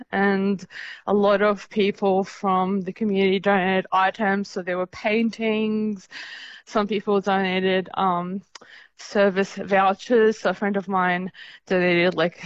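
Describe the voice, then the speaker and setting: A woman's voice: medium pitch, no room sound. A young woman from the Middle East speaking in a radio interview, earnest and hesitant with many fillers. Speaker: interview guest, fundraiser organiser. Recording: dull lo-fi sound.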